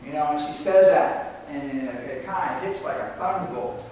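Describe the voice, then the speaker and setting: A man's voice: on the high side, normal speed, a little mellow, slight background noise. A man preaching a sermon as pastor in a church, talking in a conversational way with fillers and restarts. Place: church sanctuary. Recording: echoey church hall from far off.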